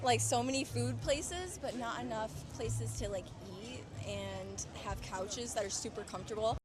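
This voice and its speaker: A woman's voice: on the high side, normal speed, music in the background. A woman answering a street interview outdoors, casual with lots of fillers. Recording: crowd noise.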